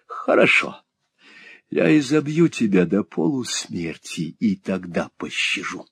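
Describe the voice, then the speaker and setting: Man as cruel schoolmaster, mocking snarl, husky, lively pitch. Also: slow pace, no echo, exaggerated voice. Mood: menacing. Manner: snarling, mocking, shrill when enraged. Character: cruel bullying male schoolmaster.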